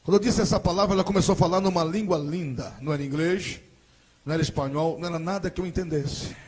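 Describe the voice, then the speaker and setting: A man with a Brazilian Portuguese accent giving a dramatic testimony sermon at a church service, rising into shouted preaching. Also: fairly high pitch, fast talker, crowd noise.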